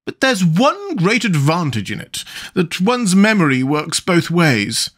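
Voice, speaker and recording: A man's voice: high voice, very animated, measured pace, a bit bright, voice pushed up, heavily acted. A man voicing a helpless, fretful, dotty old queen from a storybook, in a plaintive, wavering manner. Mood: careless, airy. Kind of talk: storybook character voice.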